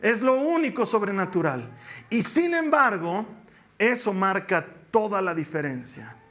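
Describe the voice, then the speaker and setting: A man with a notably high voice delivers a church sermon, driving home each point by repeating it. His preaching is emphatic and lively, and he slips into playful mock voices when he quotes someone. He speaks to his congregation as a pastor. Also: a little slow. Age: adult with a young daughter.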